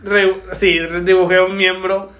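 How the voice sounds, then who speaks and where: A young Mexican man with a high-pitched voice tells stories in a casual chat and acts out the people he quotes. The room around him has a noticeable echo. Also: a little slow. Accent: Mexican Spanish. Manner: animated storyteller acting out quotes, laughing often. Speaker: podcast co-host.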